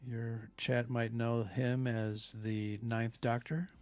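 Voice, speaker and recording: A man's voice: medium pitch, little pitch movement, slow pace, a crowd in the background. A man talking casually as a conversation partner on an art and pop-culture show. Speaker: podcast co-host or guest.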